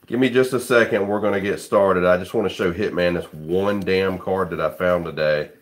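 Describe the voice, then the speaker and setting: A man with a low, deep voice hosts a casual live stream from a room at home. He talks in a loose, joking way and greets viewers by name between his remarks. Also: steady tone, normal speed.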